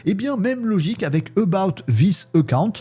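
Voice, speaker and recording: A man hosting a casual tech news show, talking in a chatty, lively way with many fillers and asides to his viewers. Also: high-pitched, normal speed, slightly rough, soft background music.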